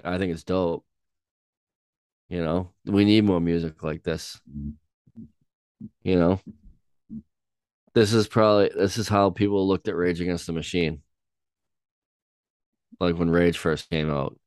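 Young male co-host, deep and resonant, halting and laid-back delivery. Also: steady tone, darkish tone, clean tone, no echo. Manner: hesitant, halting, many ums and restarts. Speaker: podcast co-host. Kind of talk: casual chat reacting to songs.

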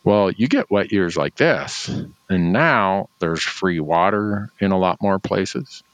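A man with a distinctly low voice, recorded dry and close. He talks casually like a host in an outdoors chat, explaining things in folksy, plain terms. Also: lively intonation, slow, no room sound, poor audio. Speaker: host of a hunting talk show.

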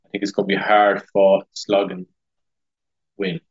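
Low-voiced man on an echoey call. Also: lively intonation, moderate pace. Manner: brief, agreeable, steers the segments. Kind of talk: casual sports chat. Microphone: remote call over the internet. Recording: muffled, echoey internet call audio.

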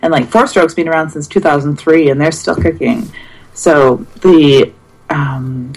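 A woman co-hosting a radio show, introducing bands in a laid-back, halting way. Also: deep voice, darkish tone, breathy edge, poor audio. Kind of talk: casual radio chat.

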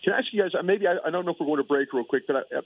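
A man's voice: on the high side, racing, no echo. A man calling in as a guest analyst, rambling in casual chat with lots of fillers. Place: calling in remotely. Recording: tinny phone line.

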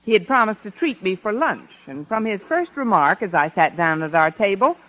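An actress playing a dry, sardonic American schoolteacher who acts and narrates in a 1950s radio sitcom. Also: female voice, mid-range voice, sing-song, moderate pace, fairly bright tone. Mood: wry. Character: wry, wisecracking American woman schoolteacher. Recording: muffled vintage radio recording.

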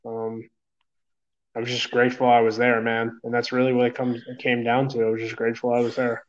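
A man's voice: mid-range voice, monotone, a little fast. A man from New York, an EMS medic talking in a casual interview, rambling with lots of fillers, swearing, and calling the listener "man". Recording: dull lo-fi recording.

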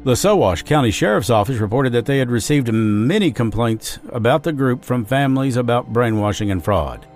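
A podcast host reads a scripted true-crime narration, quoting his sources in measured storytelling. His mid-range voice is expressive and darkish, recorded dry in a studio with faint music.

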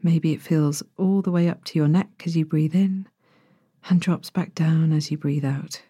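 A woman speaks as a sleep story narrator, leading a bedtime relaxation. Her voice is lowish and very mellow, with a soft, breathy edge that slips toward a whisper. She gives each instruction gently and without hurry. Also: fairly even intonation, no room sound, studio quality. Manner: gentle, soothing, unhurried instructions. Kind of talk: guided bedtime body-scan meditation, sleep story narrator delivery.

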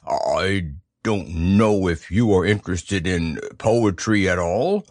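A man voicing a slow, simple-minded, gentle male bear who stammers and hesitates. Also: low voice, lively intonation, dry recording, studio quality, pitched below the performer's own voice, exaggerated voice. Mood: hesitant.

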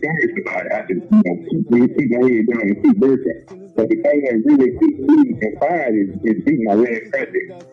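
A man being interviewed as a rapper, heard muffled with only the low end coming through, talking in halting bursts with repeated words. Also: wildly swooping pitch, vocal fry. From Baton Rouge, Louisiana. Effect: muffled sound with only the low end coming through. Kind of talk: casual remote interview. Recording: narrow phone-like call line with faint music.

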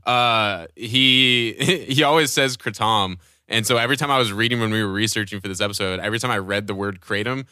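A man's voice: fairly low pitch, steady tone, quick pace, hardly any pauses, sharp tone, clear, resonant tone, no echo, clean studio sound. A man co-hosting a casual podcast, joking around, swearing and calling everyone dude. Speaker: podcast co-host.

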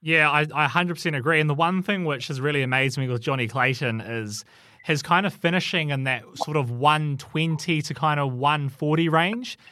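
A man's voice: a little high, moderate pace, sharp tone, no echo. Male sports radio host, conversational, dry close sound. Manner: conversational, reads out stats. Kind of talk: casual sports radio chat.

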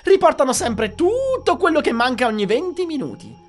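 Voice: very animated, moderate pace. A narrator voicing a sinister, mock-cheerful male hatter who coaxes a girl to keep eating, over faint music. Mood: creepy coaxing. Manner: coaxing, high and loud, mock-cheerful. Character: creepy sinister male hatter, sugary and menacing.

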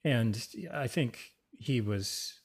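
A man's voice: mid-range voice, very slow, husky. A man in a casual film discussion, talking in a hesitant, musing way with many restarts.

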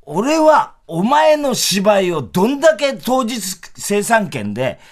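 A middle-aged man hosting a casual chat, telling animated stories and laughing often as he acts out what others said. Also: high-pitched, slow pace, crowd noise. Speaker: host.

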